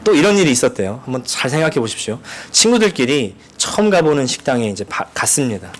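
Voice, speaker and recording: A male pastor delivering a sermon, telling stories and mimicking dialect phrases for emphasis. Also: fairly high pitch. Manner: storytelling, mimics dialect lines with rising emphasis.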